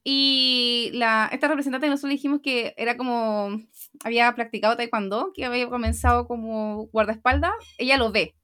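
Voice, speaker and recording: A young Chilean woman chatting casually as a podcast co-host, retelling scenes with lively acted-out quotes. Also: fairly high pitch, moderate pace, clean tone. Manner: animated storytelling, acting out quotes. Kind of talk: casual chat.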